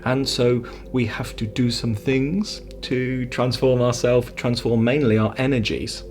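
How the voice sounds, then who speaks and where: A man who coaches people on spiritual growth, chatting straight to camera in a loose, rambling way. He keeps tacking on little tag questions and asides, and his pitch sits in an ordinary middle range. Soft music plays faintly behind him. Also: steady tone, measured pace. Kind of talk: casual talk to camera.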